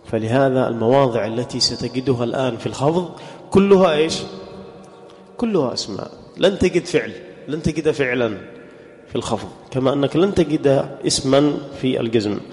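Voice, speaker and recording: A male grammar teacher giving a classroom lesson in a medium-pitched voice. He puts questions to his students and drills example words one at a time. His voice rings out with a long hall reverb. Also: a little fast, darkish tone.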